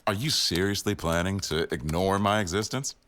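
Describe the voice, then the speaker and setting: This boyfriend ASMR roleplay features a man acting as a strict, teasing office boss who addresses the listener wryly and formally. He speaks at a normal pace in a low voice with a fairly bright tone.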